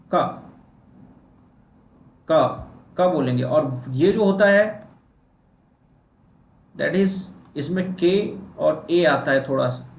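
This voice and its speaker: A man's voice: on the high side, echoey room, slight background noise. A man teaching a diction class on a video call, explaining patiently step by step and repeating himself. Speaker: acting teacher.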